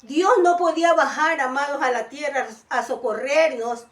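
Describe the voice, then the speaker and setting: A woman's voice: sits high, moderate pace, echoey room, distant mic. A woman preaching a sermon, often calling her listeners beloved, with many restarts as she explains. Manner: calls listeners "amados" often, restarts and fillers.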